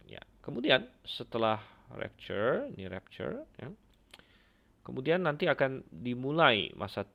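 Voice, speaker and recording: A man teaching an online Bible class, unhurried, pausing often with fillers. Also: medium pitch, gravelly, dull audio. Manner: unhurried, with many fillers and hesitations.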